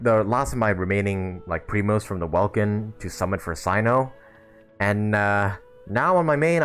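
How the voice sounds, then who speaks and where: Hosting a casual livestream while he plays, a man chats with his audience and thinks aloud in a rambling way. He has a fairly low pitch and a fairly bright tone, and game music runs in the background.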